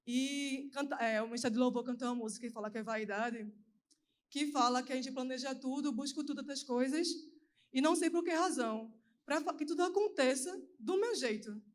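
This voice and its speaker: A young woman preaching at a youth service, giving an earnest, emotional personal testimony in a quick, anxious delivery. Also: high-pitched. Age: young adult.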